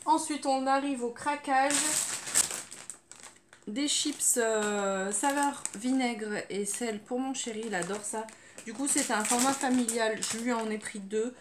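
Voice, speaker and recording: A woman's voice: fairly high pitch, unhurried, noisy background. A woman chatting casually through her grocery haul, full of fillers and trailing off with "voilà". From France. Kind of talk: casual haul video chat.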